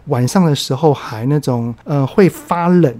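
A man in his forties with a Taiwanese Mandarin accent, hosting a solo podcast and telling stories in a relaxed way with drawn-out sentence-final particles, while he is still recovering from a fever. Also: a little high. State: recovering from a post-vaccine fever. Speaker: podcast host, parenting educator. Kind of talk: casual solo podcast talk.

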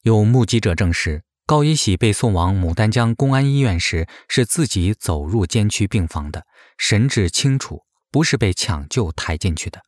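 Man, very low voice, lively intonation, dry close sound, grave scripted narration. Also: normal speed, hardly any pauses, no echo. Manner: grave, suspicious questioning tone.

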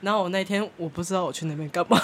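A woman's voice: lowish voice, heavy background noise. A woman podcast host, telling a story in casual chat and acting out the people she quotes, with frequent laughter.

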